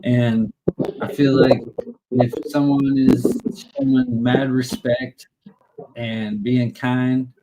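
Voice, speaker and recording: A man's voice: medium pitch, flat delivery, takes it slowly, background noise. A man hosting a casual, rambling, slangy chat. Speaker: stream host.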